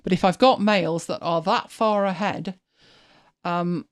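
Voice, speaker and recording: A woman's voice: on the low side, steady tone, unhurried, dry recording, clean studio sound. A woman hosting a live stream, chatting casually as she walks viewers through her screen, thinking aloud and often restarting her sentences. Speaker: host.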